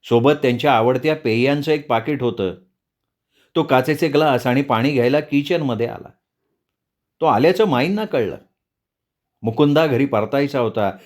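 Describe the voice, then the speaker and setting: A male storyteller reads a novel aloud at a medium pitch. His delivery is measured and expressive, in the manner of an audiobook narration.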